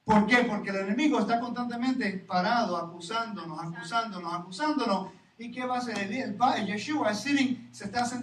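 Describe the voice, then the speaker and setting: Man preaching, very high voice, animated rhetorical questions, echoey hall, distant mic, faint room hum. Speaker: Torah teacher. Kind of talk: sermon. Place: congregation hall.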